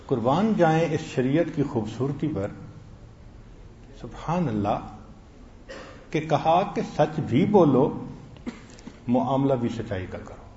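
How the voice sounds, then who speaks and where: A man's voice: mid-range voice, lively intonation, pauses often, dark tone, a little hiss or hum. A man giving a sermon, telling stories and acting out the quoted lines of the people in them. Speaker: preacher. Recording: echoey, dull lo-fi sound.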